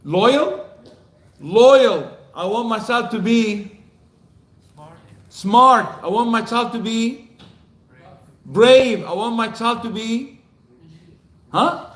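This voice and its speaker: An older man with a high-pitched voice lectures a congregation in a mosque hall, lively and quizzing his listeners with repeated questions. The sound rings around an echoey hall. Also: very slow, long pauses. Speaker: mosque speaker.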